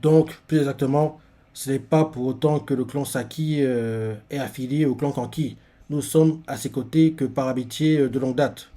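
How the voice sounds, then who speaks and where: A man reading the lines of a calm female clan chief in a manga, measured and explanatory, with fillers. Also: mid-range voice, lightly acted.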